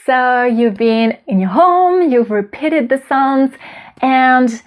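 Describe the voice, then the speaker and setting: Upbeat teacher woman, slightly high voice. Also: animated. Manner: upbeat, demonstrates sounds slowly and clearly. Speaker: French teacher. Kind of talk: pronunciation lesson to camera.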